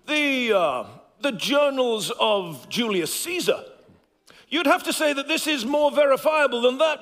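A man doing a jolly, pompous gentleman detective, his voice very high and sharply bright. He draws out his words theatrically for a church stage skit, in a hall with long reverb. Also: heavily acted. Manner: plummy, theatrical, drawn-out emphasis.

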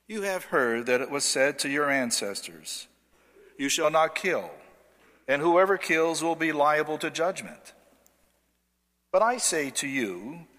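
A man proclaiming the gospel at Mass in a steady, formal way, his voice carried by cathedral echo. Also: on the high side. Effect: cathedral echo, long church reverb. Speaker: priest or deacon proclaiming the gospel. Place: large church. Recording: reverberant church hall.

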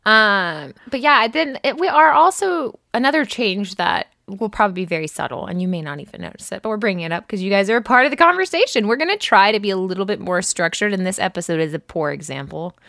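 A woman's voice: medium pitch, animated, quick pace, gravelly, few pauses, pushed and bright, no room sound, clean studio sound. A young woman co-hosting a podcast, chatting casually in a rambling way and laughing often. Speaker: podcast co-host. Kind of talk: casual chat.

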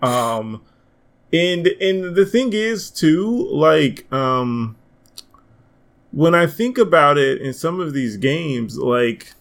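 Animated, gravelly-voiced podcast host man. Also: fairly high pitch, slow pace. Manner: animated, swears freely. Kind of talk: casual gaming podcast chat.

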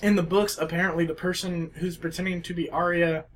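A young man in casual chat with friends, rambling and excitable and often laughing. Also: high voice, brisk.

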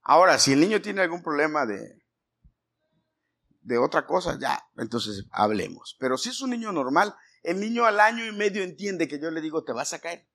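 A man's voice: a little high, sing-song, normal speed, fairly bright tone. A man, a pastor giving a conversational sermon in a church, questioning his congregation by name. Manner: acts out scolding dialogues with shifting voices.

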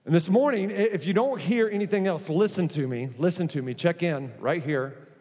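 A man with a high voice preaches a sermon in a large church auditorium, where his words trail off in long reverb. His delivery is emphatic and built on repetition, with joking asides mixed in. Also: moderate pace, darkish tone. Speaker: pastor.

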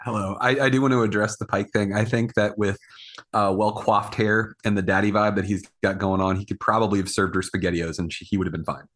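Male podcast panelist, conversational and halting, forward bright tone on a lowish pitch. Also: fairly even intonation. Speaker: podcast panelist and executive producer. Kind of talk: casual conversational chat.

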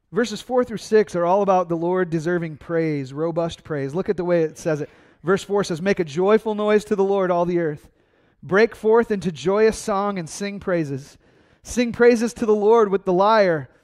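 A man preaching a sermon, energetic and conversational, asking his congregation questions and answering them himself. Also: sits high. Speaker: pastor.

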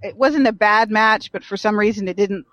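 A woman's voice: medium pitch, moderate pace, fairly bright tone, no room sound. A woman chatting as a podcast panelist, hesitant and heavy on fillers. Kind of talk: casual chat.

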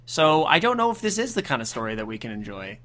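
Male co-host, high, lively voice for casual reading with joking asides. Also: fast. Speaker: podcast co-host.

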